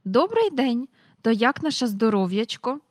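Woman plays fussy squeaky lady, gushing chatter, storybook. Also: sing-song, normal speed, no room sound, clean studio sound. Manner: gushing, rattles on without waiting.

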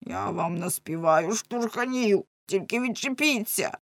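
A woman's voice: medium pitch, expressive, unhurried, creaky, no room sound. A woman voicing a plump, flustered middle-aged man who whines and protests indignantly. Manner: indignant, whining.

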